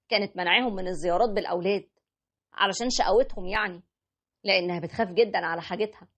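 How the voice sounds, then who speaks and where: Woman reading as young husband, storybook narration, fast, husky, conversational. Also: mid-range voice, natural voice. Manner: plain conversational retelling. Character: young married man, devoted husband narrating.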